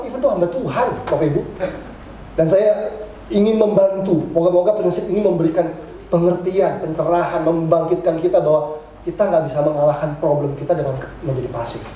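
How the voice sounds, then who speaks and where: Lively pastor in a very echoey church hall. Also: male voice, high-pitched, slight background noise. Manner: lively, joking, acts out a congregant's complaints. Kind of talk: sermon.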